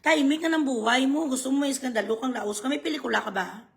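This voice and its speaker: A woman's voice: high voice, fast, vocal fry. A woman ranting in a vlog, mocking and sarcastic, swearing freely. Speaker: vlogger.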